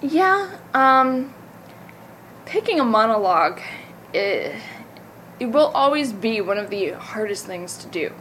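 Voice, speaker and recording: A woman's voice: fairly high pitch, very animated, takes it slowly, pauses often, a bit bright, a little hiss or hum, poor audio. A young woman from the American South, an actor chatting in an interview, talking loosely, correcting herself and laughing easily. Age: young adult. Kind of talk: casual interview.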